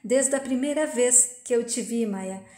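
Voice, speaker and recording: Uma mulher lendo as falas de um rapaz desesperado. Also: female voice, on the high side, mellow, natural voice. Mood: pleading. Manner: plain reading of quoted dialogue, slow and earnest. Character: young man, heartbroken and pleading. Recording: roomy echo.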